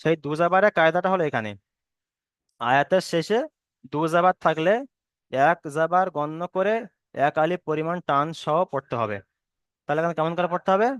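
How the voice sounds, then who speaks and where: A man teaching Quran reading rules step by step, patiently repeating each rule and slowly chanting verses as examples. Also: on the high side, fairly bright tone, clean tone, dry recording. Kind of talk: step-by-step recitation lesson.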